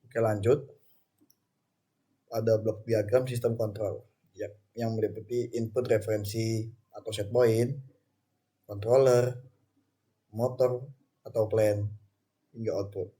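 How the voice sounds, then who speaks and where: A man's voice: medium pitch, dark tone, slightly rough. A young man from Indonesia, a student reading through his class slides in short phrases, with small restarts and "okay, next" between them. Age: young adult. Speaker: student presenter.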